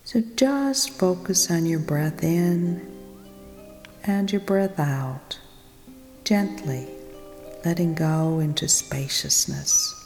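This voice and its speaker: A woman leading a guided meditation, speaking softly and soothingly, often in a whisper. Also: on the low side, animated, slow, long pauses. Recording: long reverb with music behind.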